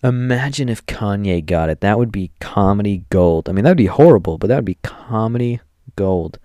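A man's voice: fairly low pitch, expressive, brisk, mellow, no echo, clean studio sound. A young man hosting a solo podcast, rambling and joking as he thinks aloud. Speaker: podcast host. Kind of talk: casual solo commentary.

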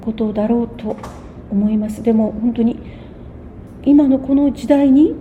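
A woman in her sixties answering interview questions in a measured, thoughtful way, often pausing mid-phrase. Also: fairly high pitch, narrow, tinny audio, a little hiss or hum. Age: 60s. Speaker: guest.

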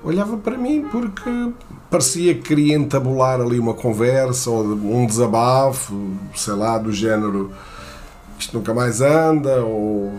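Speaking with a European Portuguese accent, this man from Portugal recounts something that happened to him, stumbling through many fillers and false starts. His mid-range voice has a slightly mellow quality.

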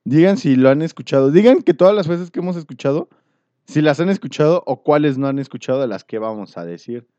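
A man's voice: fairly high pitch, lively intonation, fairly quick, warm tone, dry recording, highs cut off. A Mexican man co-hosting a casual podcast chat, full of slang, rambling anecdotes and frequent laughter. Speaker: podcast co-host.

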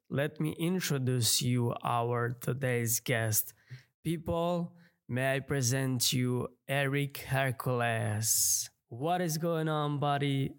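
A man's voice: medium pitch, smooth. A man hosting a podcast, upbeat and eager, with non-native grammar in his casual interview chat. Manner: non-native phrasing, enthusiastic. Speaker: podcast host.

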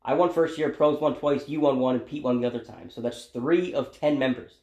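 A man's voice: medium pitch, brisk, darkish tone. A man co-hosting a casual podcast, reading out questions in a laid-back, hesitant way with many fillers. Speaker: podcast co-host asking questions. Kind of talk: casual chat. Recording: echoey room.

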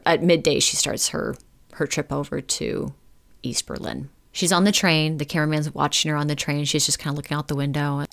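Brief: woman storyteller, low-pitched, casual and chatty, filler-heavy delivery. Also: fairly even intonation, fairly quick, gravelly. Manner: chatty, lots of "like" fillers, occasional swearing. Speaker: podcast storyteller.

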